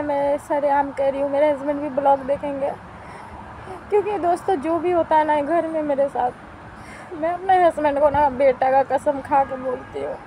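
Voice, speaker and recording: Her voice is high-pitched and warm, though the audio is poor and carries slight background noise. She's a middle-aged vlogger at home outdoors beside a wood stove, addressing viewers in a plaintive, complaining way and repeating herself often.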